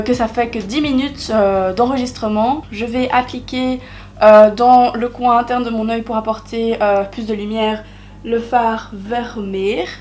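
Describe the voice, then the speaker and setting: A woman's voice: a little high, darkish tone. A young woman talking through a makeup tutorial in a chatty way, with many hesitations and self-deprecating asides. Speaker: beauty vlogger.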